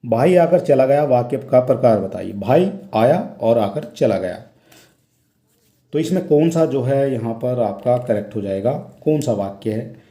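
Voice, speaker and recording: A man's voice: medium pitch, expressive, measured pace, warm tone. A man teaching Hindi exam questions, reading each question aloud and explaining the answer step by step. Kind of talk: exam question walkthrough lesson. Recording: echoey room.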